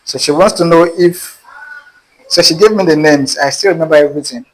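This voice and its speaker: On a rough recording, a guest with a Nigerian accent talks a little fast in a fairly high-pitched voice. He's animatedly telling a personal dating story and performing the quoted dialogue in casual storytelling.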